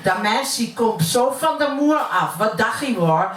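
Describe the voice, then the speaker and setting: A woman's voice: a little high, lively intonation, measured pace. Woman doing a brash, broad Utrecht working-class woman. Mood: brash, cheeky. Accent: broad Utrecht Dutch. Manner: earthy, colloquial, cheeky. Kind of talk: dramatic dialect poetry recital. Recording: roomy, distant mic, faint noise.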